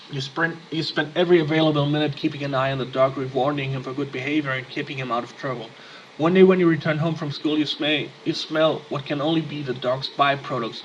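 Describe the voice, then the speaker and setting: A man's voice: medium pitch, a bit bright, a little hiss or hum, rough recording. A man playing a text-based game, reading its text aloud and adding casual muttered asides. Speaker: let's play gamer.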